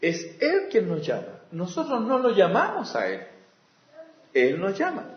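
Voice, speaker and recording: High, animated preaching man. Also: measured pace. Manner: impassioned preaching, swinging between loud exclamations and hushed asides. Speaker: pastor. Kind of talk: sermon. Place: church sanctuary. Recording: echoey, dull lo-fi church recording.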